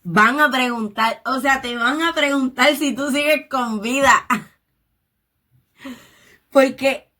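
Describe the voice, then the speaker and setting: A woman's voice: high-pitched, takes it slowly, pauses often, bright, forceful tone. A woman leading a Bible study, reading scripture aloud and explaining it in her own words, dropping in English interjections. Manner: reads scripture aloud and paraphrases it.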